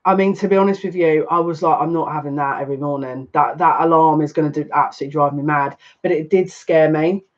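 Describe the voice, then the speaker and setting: A man in his thirties, a psychic reader chatting casually on a live stream, excitable and rambling. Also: a little high, fast talker, hardly any pauses. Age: 30s. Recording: dull lo-fi stream audio.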